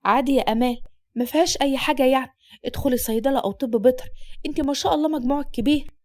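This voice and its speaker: A woman's voice: sits high, very fast, darkish tone, no room sound, studio quality, lightly acted. A woman voicing a timid young Egyptian schoolgirl with an Egyptian accent, pleading and fearful. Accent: Egyptian Arabic.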